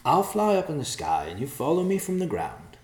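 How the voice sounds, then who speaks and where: A man's voice: a little high, huge pitch swings, fairly quick, a little mellow, roomy sound, a little hiss or hum, pitched above the performer's own voice. A man voicing a sly, mocking male talking vulture in a storybook reading, teasing and boastful. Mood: smug.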